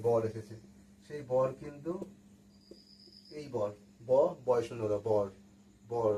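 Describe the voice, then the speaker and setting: A man's voice: fairly high pitch, dark tone, slight background noise, rough recording. A man teaching a pronunciation lesson, patiently repeating example words and asking questions. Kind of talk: spoken language lesson.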